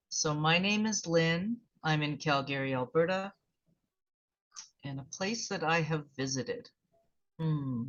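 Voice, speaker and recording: Woman hosting a casual online group chat. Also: deep voice. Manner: relaxed, chatty, laughs easily. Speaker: host. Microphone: video call. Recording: dull video-call audio.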